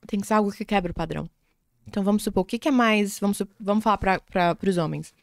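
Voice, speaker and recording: A woman's voice: medium pitch, fast talker, creaky, dry recording, clean studio sound. A young woman, a podcast guest in casual chat, talking playfully and acting out bits of dialogue. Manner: chatty, playful, acts out little quoted dialogues.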